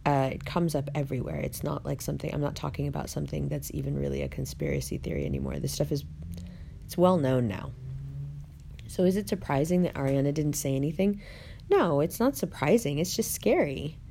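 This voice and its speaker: A woman hosting a casual online video, chatting to viewers with rolled R's and deliberate pauses in an opinionated, conversational way. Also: low voice, animated, gravelly, mellow, a little hiss or hum. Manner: rolls her R's. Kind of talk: casual chat, talking to viewers.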